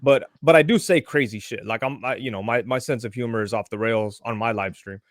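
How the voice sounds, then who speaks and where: A man's voice: mid-range voice, a little fast, dry recording, studio quality. A man chatting casually as a podcast guest, telling stories full of swearing. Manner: profane, animated storyteller. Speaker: guest, toy and collectibles YouTuber.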